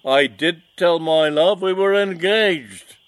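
A man voicing a theatrical, vengeful male stage magician who talks in loud, indignant declarations. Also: high-pitched, slow, dry recording, pitched above the performer's own voice.

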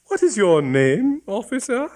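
A gushing, polite elderly lady, a bishop's wife, put on by a male reader. Her voice is raised high above the reader's own, with lively swoops of pitch. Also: measured pace. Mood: gracious.

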